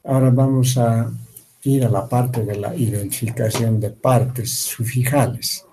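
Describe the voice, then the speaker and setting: A man teaching a language class over a video call, reading phrases slowly and having students repeat them. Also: mid-range voice, steady tone, warm tone, slight background noise, rough recording. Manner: slow, deliberate, spells out each word for students to repeat. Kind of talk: slow language lesson with repetition drills.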